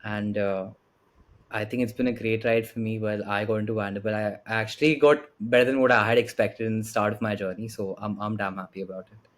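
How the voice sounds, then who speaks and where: A man's voice: fairly low pitch, fairly even intonation, a little fast. A young man in his late teens with an Indian accent, answering casually and politely as an interview guest, often saying "like" and "you know". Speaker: podcast guest, student.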